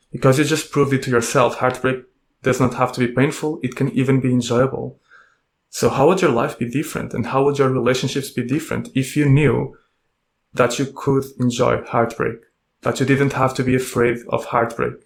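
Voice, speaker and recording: A man in the middle of his range talks through a reflective self-help monologue. He stays gentle and calm, stringing together rhetorical questions. His intonation barely moves, keeping an even, level line. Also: medium pitch. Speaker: podcast host and coach.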